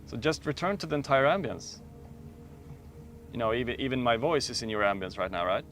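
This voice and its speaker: A man leads a guided meditation in a calm, soft-spoken way. He talks slowly and leaves long pauses between phrases. His voice sits at an ordinary pitch for a man. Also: soft background music. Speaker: meditation teacher.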